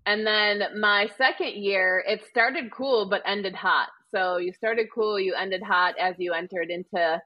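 A woman's voice: mid-range voice, no echo, muffled recording. A woman with a Wisconsin accent, a marathon runner chatting casually as a podcast guest, full of ums and likes. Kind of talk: casual interview chat.

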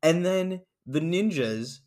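A man in casual chat with a friend, tearing into a bad film. He talks in a loose, mocking way with lots of fillers and suddenly acts out scenes with loud screams. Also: a little high, animated, slow. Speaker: podcast co-host reviewing a movie.

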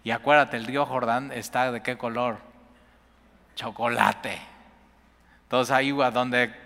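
A man preaching in an animated, chatty way, his voice bright and forward. A long reverb hangs after each phrase. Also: medium pitch. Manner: animated, conversational, acts out quotes, chuckles often. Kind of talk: sermon.

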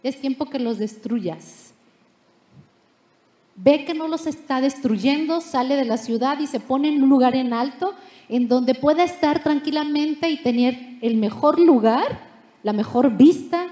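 A woman pastor preaching, retelling the story with playful asides and lively turns. Her voice sits high, and the room around her is echoey. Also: moderate pace. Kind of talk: sermon. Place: church.

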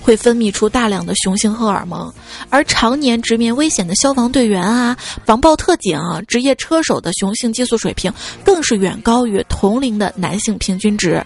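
Lively woman host telling jokes. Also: moderate pace. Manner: lively, acts out quoted speakers with jumps in pitch; laughs at her own jokes. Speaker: radio-style joke show host. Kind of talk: reading listener-sent jokes aloud. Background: faint background music.

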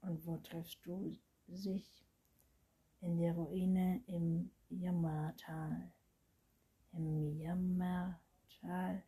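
Timid boy, hesitant questions, husky breathy voice, slow, read by a woman. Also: fairly low pitch, level tone, warm tone, exaggerated voice. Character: timid wondering human boy. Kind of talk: storybook reading.

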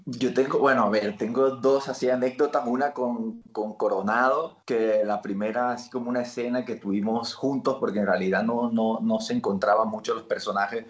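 A man's voice: mid-range voice, moderate pace, hardly any pauses, echoey room. A man from Barranquilla with a Colombian Caribbean accent, an actor guest telling stories in casual interview chat. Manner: animated storyteller, laughs while acting out lines.

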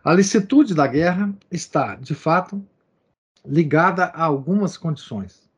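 A man with a somewhat high voice reads a text aloud in lecture style. He marks quotations, then adds loose spoken asides and keeps dropping in little tag questions. The recording sounds dull and lo-fi. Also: animated, a little slow, husky. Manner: reads quoted passages, adding asides and verbal tics like "né?". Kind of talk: reading and commenting on a text.

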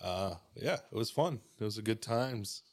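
A man from Mexico, a podcast guest, talking in a relaxed, rambling way with lots of fillers and restarts. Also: on the low side, moderate pace, no echo. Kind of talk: casual podcast chat.

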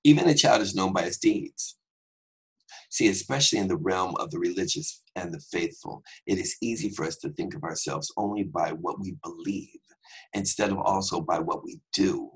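Gravelly deep-voiced man teaching scripture. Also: poor audio. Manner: fast, conversational, with joking asides. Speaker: Bible teacher. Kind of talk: podcast Bible teaching.

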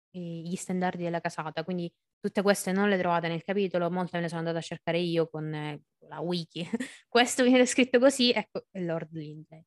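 A woman's voice: on the low side, no room sound, clean studio sound. A woman hosting a podcast, chatting about a novel and reading passages aloud, laughing often. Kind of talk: casual book-club chat with read-aloud passages.

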